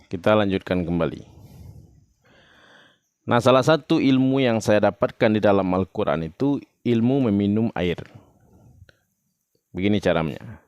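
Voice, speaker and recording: A man's voice: on the low side, lively intonation, a little slow, long pauses, a little mellow, clean tone, no room sound, dull audio. A man from West Sumatra giving an informal religious talk to camera. He explains plainly and unhurriedly, sometimes searching for words. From West Sumatra, Indonesia. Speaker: religious video teacher.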